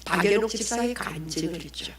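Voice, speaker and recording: A woman evangelist giving a lively testimony to an audience, acting out the people in her story, in a church hall. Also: medium pitch, brisk, a crowd in the background.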